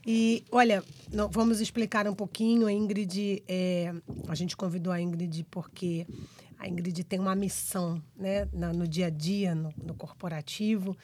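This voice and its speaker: A woman's voice: lowish voice, little pitch movement, normal speed, warm tone, slight background noise. A woman with a Brazilian Portuguese accent chatting casually as a podcast co-host. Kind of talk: casual chat.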